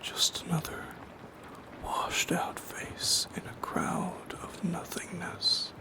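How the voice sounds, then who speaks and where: A man gives voice to a longing, isolated shadow creature in whispered ASMR roleplay, poetic and halting, solemn, with a breathy, creaky texture. His voice sits high and his tone stays level, while the mood is haunted and sorrowful.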